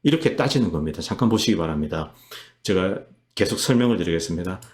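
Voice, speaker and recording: Brief: male host, deep voice, emphatic solo commentary, dramatizes quotes. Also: lively intonation, fast, a little mellow. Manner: emphatic, reenacts quotes in a heated voice. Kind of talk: political commentary monologue.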